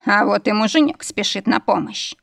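Woman reading fantasy book aloud, middle pitch, dry close mic. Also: normal speed, creaky, fairly bright tone, no echo. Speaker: audiobook narrator. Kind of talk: scripted narration of a fantasy novel.

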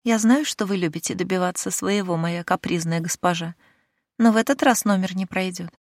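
A woman's voice: fairly low pitch, fairly quick, darkish tone, no room sound, clean studio sound, lightly acted. Woman reading as a cheeky mocking young maid. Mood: teasing. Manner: mocking, teasing. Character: cheeky sharp-tongued young maidservant.

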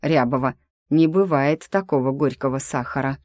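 A woman's voice: very deep voice, moderate pace, darkish tone, no echo. A woman reading a curt male university teacher. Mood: dry. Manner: dry, curt.

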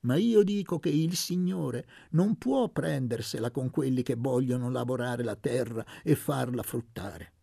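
A man voicing a young peasant leader in a read-aloud novel, orating with a husky, gravelly voice. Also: mid-range voice, a little slow, hardly any pauses, mellow, dry recording, studio quality, voice pushed up. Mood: rousing.

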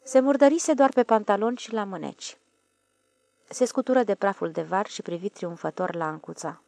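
Woman audiobook narrator, calm and measured, with a gravelly voice. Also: mid-range voice.

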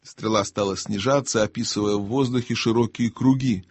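A man narrating an audiobook in a calm, expressive storytelling manner. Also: on the low side, brisk, no echo. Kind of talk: scripted narration.

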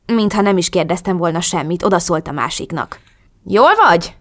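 A woman's voice: lowish voice, no room sound, studio quality. A woman narrating a first-person romance novel as an audiobook, in a dramatic, breathless storytelling manner.

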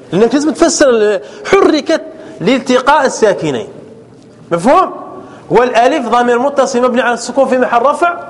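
High-voiced man teaching grammar in a hall. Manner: drills verb forms slowly, asks "clear?" often. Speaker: sheikh teaching Arabic grammar. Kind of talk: classroom grammar lesson.

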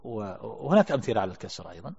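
A man teaching a religious text, reading passages aloud and explaining them in a calm lecture. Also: on the low side, very fast, vocal fry, breathy edge. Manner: calm explanatory, reads quotes aloud then comments. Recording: lo-fi recording in a reverberant hall.

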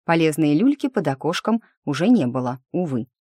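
Woman narrator with a low voice, wry first-person audiobook delivery. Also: sing-song, fairly quick, mellow, breathy edge, no echo, studio quality.

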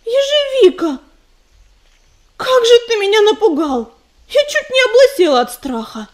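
A fiery young she-cat warrior in a storybook, pitched high and sharp-tongued, snapping and pleading in turn, as a woman reader puts her on. Her voice rides well above the narration, restless and excitable. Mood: agitated. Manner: excited, quick to snap.

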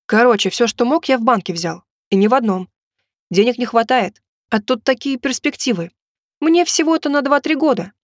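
A woman's voice: a little high, expressive, dry recording, clean studio sound, natural voice. A woman voicing a pushy young man who keeps pressing for money and takes offence easily, in an audiobook. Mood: coaxing. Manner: insistent, quick to take offence. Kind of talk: audiobook reading.

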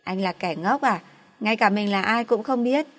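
A woman's voice: medium pitch, normal speed, fairly bright tone, faint music behind, natural voice. A woman voicing a drunk, spoiled young woman who sulks and pleads in a slurred, petulant way. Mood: clingy, tipsy.

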